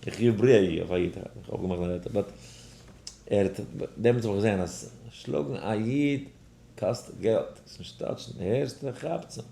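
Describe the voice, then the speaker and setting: Lowish-voiced man telling a story in a lesson. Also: normal speed, creaky, slight background noise. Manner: animated storyteller, acts out other voices. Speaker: rabbi teaching a daily study class. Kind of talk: lesson with a told personal story. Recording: roomy echo.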